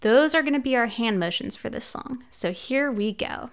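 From a small room at home, a young woman librarian hosts storytime for little ones, reading aloud and singing in a cheerful, sing-song manner. Her voice is a little high and expressive at a moderate pace, picked up by a big boom-arm studio mic while a ukulele plays behind her.

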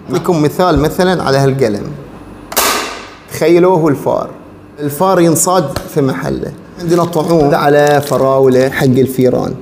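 A man's voice: a little high, a little mellow, long reverb tail, slight background noise. A man with a Bahraini Arabic accent who presents a pest control company, chatty and salesy, talking straight to the viewers. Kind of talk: product demonstration and promotional explainer.

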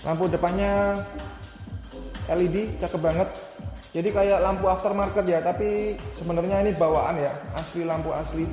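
A man's voice: high voice, fairly even intonation, moderate pace, darkish tone, roomy sound, in a large hall, faint music behind. A man casually showing off a motorcycle, listing its features and specs in a chatty way with fillers and self-corrections. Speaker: motovlogger reviewing a motorcycle. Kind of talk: casual product walkaround.

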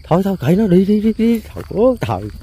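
A man hosts a casual on-location interview. His voice sits notably high. He talks in a chatty way, repeating words and filling pauses with little hesitation sounds. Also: sing-song, warm tone, slight background noise. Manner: chatty, repeats himself, many hesitation fillers. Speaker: host.

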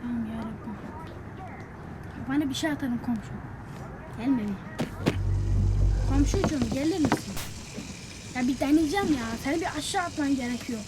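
Very high-pitched exasperated gamer woman. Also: quick pace, heavy background noise. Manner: exasperated, often yelling at the game character. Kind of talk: let's play commentary. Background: loud game music.

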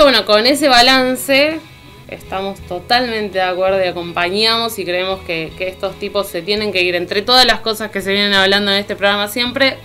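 With music playing underneath, an Argentine columnist on a radio program gives informal political commentary. She has a bright, forceful, mid-range voice.

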